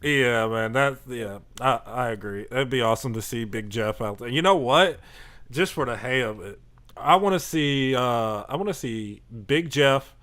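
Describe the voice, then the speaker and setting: A man hosting a casual sports podcast, talking in an animated way, laughing often and getting fired up. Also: medium pitch, moderate pace. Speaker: podcast host.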